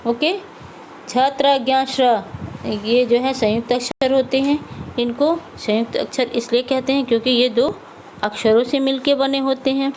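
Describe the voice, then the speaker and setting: A woman with a fairly high voice teaches a lesson to young children. She goes slowly and patiently, repeats each word and asks and answers her own questions. A faint hiss sits under the recording. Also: steady tone, a little mellow, poor audio. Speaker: primary school Hindi teacher.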